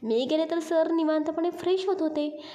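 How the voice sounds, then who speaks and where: A woman voicing a shy young female office worker who speaks bashfully and softly. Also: very high-pitched, normal speed, muffled recording, pitched above the performer's own voice. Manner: bashful, hushed, telling a story.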